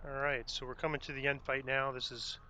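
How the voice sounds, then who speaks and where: A man's voice: mid-range voice, little pitch movement, brisk, heavy background noise. A man giving casual gameplay commentary, thinking aloud in a self-deprecating way. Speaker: gamer narrating own gameplay.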